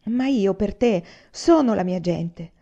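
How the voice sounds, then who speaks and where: An angry husband who hammers at his wife with insistent questions, as a woman reading a storybook gives him a raised voice. The tone is gravelly and mellow. The recording is a little dull and lo-fi. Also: mid-range voice, lively intonation, slow pace. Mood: indignant. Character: angry, accusing Chinese husband, adult man.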